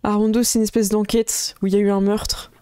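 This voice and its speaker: A woman's voice: medium pitch, level tone, brisk, dark tone, smooth, dry recording, studio quality. A woman running a tabletop role-playing game, explaining the scene casually with many fillers and frequent laughter. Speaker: game master.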